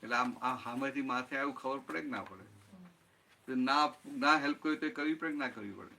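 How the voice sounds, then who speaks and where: A man's voice: medium pitch, a little fast, gravelly, bright, forceful tone. A man giving a satsang talk as spiritual teacher, explaining with everyday examples and often checking that listeners follow. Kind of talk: satsang talk answering a question.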